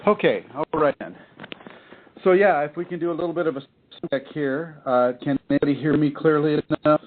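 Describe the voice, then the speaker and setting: A man hosting a casual call-in show from home over an iPad, his voice warbling and wobbling on the line as he talks in halting bursts with many restarts. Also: on the high side. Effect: wobbly warbling call audio. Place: home, seated in a rocking chair. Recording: tinny phone-like line with faint noise.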